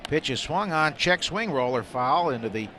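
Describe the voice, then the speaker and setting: Live on radio, this play-by-play announcer calls a baseball game from the booth at an outdoor ballpark, his fairly high-pitched voice at a normal speed. Ballpark ambience hums steadily behind him.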